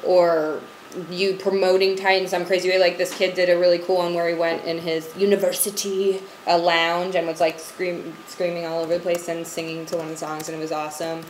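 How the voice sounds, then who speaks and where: A woman's voice: on the low side, level tone, a little fast, reverberant, a little hiss or hum, rough recording. A woman in playful, giggly livestream chat, explaining a fan contest. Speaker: band member on a livestream. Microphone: laptop webcam mic.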